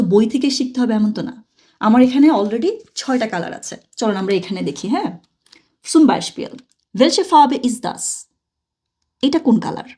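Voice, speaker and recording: Female language teacher, patient, explanatory, slightly high voice. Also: warm tone. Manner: explanatory, checks in with "ঠিক আছে?" often; slow, careful German example phrases. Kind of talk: online language lesson.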